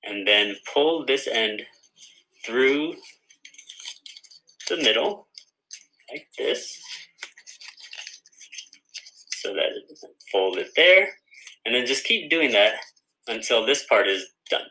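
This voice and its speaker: A man's voice: mid-range voice, expressive, takes it slowly, long pauses, pushed and bright, a little hiss or hum, rough recording. A man who writes children's books, giving a friendly step-by-step craft tutorial for kids. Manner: friendly, guiding viewers through each step. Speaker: children's author teaching a craft.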